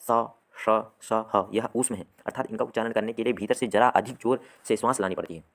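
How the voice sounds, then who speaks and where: A man's voice: fairly low pitch, quick pace. Man teaching grammar, asking and answering himself. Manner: asks the class questions and answers them himself; repeats "theek hai" often. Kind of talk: online grammar lesson.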